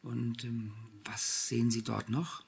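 A man's voice: medium pitch, little pitch movement, takes it slowly, creaky, slightly rough, heavily acted. A man voicing an elderly, courteous and curious male bookseller who asks polite, probing questions. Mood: unsettled.

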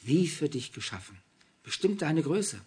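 Man voicing pushy young woman, shrill. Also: big pitch swings, unhurried, a little mellow, husky, full character voice. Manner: insistent, scolding, gushing. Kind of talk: audiobook reading.

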